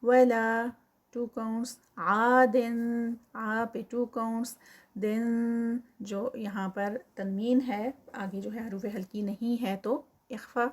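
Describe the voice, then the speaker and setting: A woman teaching Quran recitation. She chants verses slowly and drawn out, then explains the rules quickly, mixing in English counting terms. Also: a little high, fairly even intonation, darkish tone, husky. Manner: mixes English counting terms into her speech.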